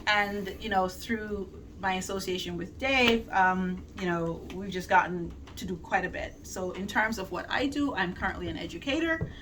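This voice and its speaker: A woman who works as an educator, speaking in a measured way with frequent "you know" and "um". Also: mid-range voice, a bit bright. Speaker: guest, educator. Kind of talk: casual chat. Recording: distant mic in a noisy crowd.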